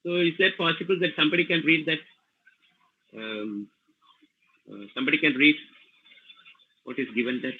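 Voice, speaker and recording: A man with a Tamil Nadu Indian English accent giving an online lecture as a language trainer, halting and full of fillers and "you know" tags. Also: a little high, fairly even intonation. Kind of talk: webinar lecture. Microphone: video call. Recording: tinny phone-like call audio.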